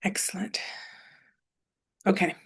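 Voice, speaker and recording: Whispering at a slow pace with a fairly bright tone, an osteopathic manual therapist in her forties walks through a screen-shared presentation. She uses everyday comparisons and a few fillers to explain.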